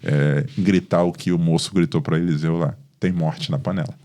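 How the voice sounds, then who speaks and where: A Brazilian man, a pastor, talking in a podcast with a fairly low voice. He tells his stories with animation and acts out the dialogue between the people in them. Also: steady tone, moderate pace, dark tone. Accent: Brazilian Portuguese. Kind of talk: podcast conversation.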